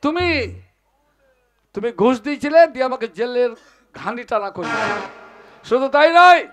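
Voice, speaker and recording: A man's voice: very high voice, animated, moderate pace, a bit bright, a little hiss or hum, full character voice. A man playing an angry young escaped prisoner in a rural folk stage play, declaiming accusations. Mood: accusing. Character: wronged young man escaped from jail, furious.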